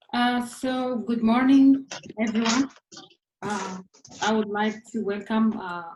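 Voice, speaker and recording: A woman's voice: mid-range voice, a little mellow, a little hiss or hum. A woman hosting and moderating, giving a formal welcome address with frequent hesitant fillers. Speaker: host and moderator. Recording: roomy echo.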